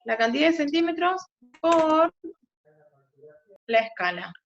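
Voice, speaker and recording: A woman's voice: high-pitched, very animated, takes it slowly. Woman teaching physics over a video call. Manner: explains step by step, often checks with "¿sí?". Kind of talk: online physics class. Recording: muffled video-call audio, faint noise.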